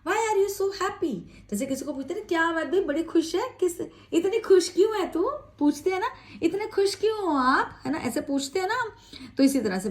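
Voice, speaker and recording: Casting: female English teacher, high voice, upbeat coaching, slow drilled example phrases. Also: darkish tone. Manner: encouraging, chatty. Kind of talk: spoken English lesson.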